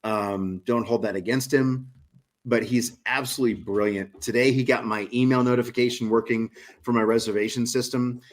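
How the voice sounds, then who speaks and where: A man's voice: mid-range voice, steady tone, normal speed. A man in his forties, a guest on a casual podcast chat, talking with eager, promotional enthusiasm. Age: 40s.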